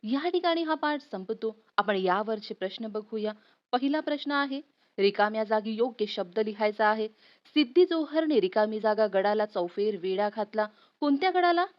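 A woman teacher reading a history lesson aloud for students, telling it expressively and speaking to viewers directly. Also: fairly high pitch. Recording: muffled lo-fi recording.

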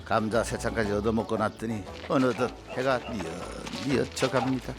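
A man's voice: fairly low pitch, moderate pace. A man reading scripted comic narration in a mock-sentimental manner. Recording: music behind voice.

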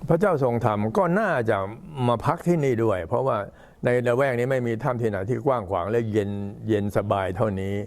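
Low-voiced older Thai monk, an old man. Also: darkish tone. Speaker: Buddhist monk addressing temple visitors. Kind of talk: informal talk, recounting temple history and announcements.

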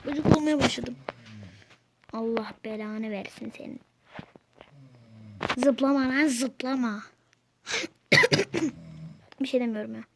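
A woman's voice: a little high, slow pace, gravelly, long pauses, background noise. A woman giving casual gameplay commentary to her followers, grumbling and exasperated at the game. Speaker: gameplay video maker.

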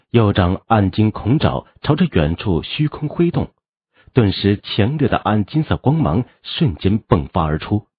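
A male narrator reads a fantasy audiobook with animated, expressive delivery. His voice is low and husky with a lively pitch. The recording is dry and slightly dull. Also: no echo. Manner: animated storytelling.

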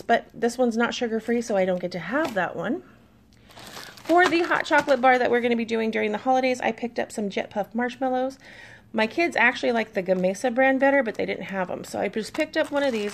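A woman's voice: medium pitch, creaky, slight background noise. A woman in her thirties, a mom chatting casually to camera about her shopping haul, easygoing and reading labels aloud.

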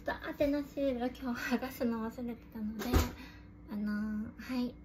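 High, girlish anime-voiced woman. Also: steady tone, fairly quick. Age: young adult. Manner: cute, girlish anime-style voice. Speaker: host of an unboxing vlog. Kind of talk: casual chat to camera while unboxing. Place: room at home. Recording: noisy room, rustling and clicks.

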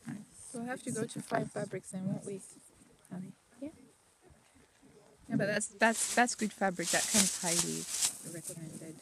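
A woman's voice: medium pitch, normal speed, noisy background. A woman vlogging a fabric shopping meetup, chatting and teasing people with playful questions. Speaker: vlogger and interviewer. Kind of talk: casual chat. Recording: loud crowd chatter behind.

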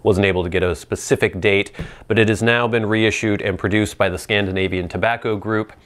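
A man in his thirties or forties giving an informal product review to camera, explaining in a measured, casual way with playful asides. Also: on the low side, fairly even intonation, a bit bright. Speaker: pipe tobacco reviewer. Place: small indoor set with plain backdrop. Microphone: lapel mic.

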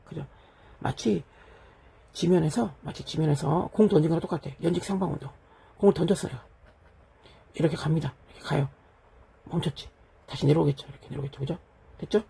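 Gravelly, husky male physics teacher. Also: fairly high pitch, brisk, long pauses, mellow. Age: middle-aged. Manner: keeps checking in with "됐죠?" and "그죠?"; talks while writing on a board. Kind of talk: lecture solving an exam problem.

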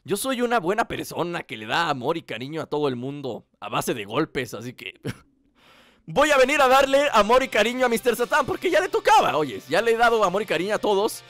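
A man's voice: sits high, sing-song, brisk, a bit bright, no room sound. A man giving playful, teasing gameplay commentary, swearing casually. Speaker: gaming channel host.

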